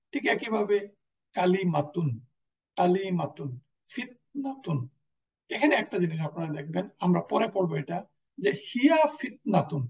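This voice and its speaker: A teacher, patiently explaining grammar and repeating each example word. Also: mid-range voice. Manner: patient explanation, repeats example words, mixes in English terms. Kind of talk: classroom lecture. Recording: voice distant from the mic.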